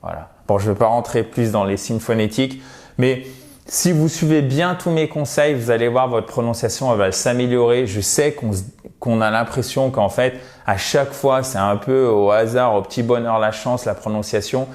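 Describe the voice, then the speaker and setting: A man's voice: mid-range voice, darkish tone. A man teaching English pronunciation in a video lesson, encouraging and talking straight to his viewers. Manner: slow, drawn-out English model words; encouraging, addresses viewers directly.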